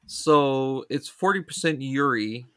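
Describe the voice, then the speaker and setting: A man co-hosting a casual podcast chat, animated and reading show blurbs aloud. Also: mid-range voice, slow pace. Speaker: podcast co-host.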